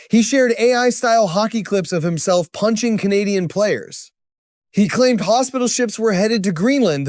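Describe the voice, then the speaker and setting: Male narrator, high lively voice, dry close sound, wry sarcastic commentary read. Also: no echo.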